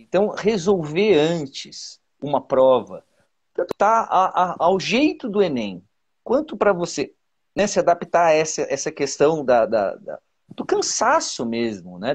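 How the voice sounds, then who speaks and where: A Brazilian man speaking as a teacher over a video call, his voice husky and a little breathy. His pitch swings up and down a lot as he talks. He stumbles and repeats words as he explains. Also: sing-song. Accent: Brazilian Portuguese. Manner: halting, many repeated words and fillers. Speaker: teacher, guest. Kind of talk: casual explanatory advice.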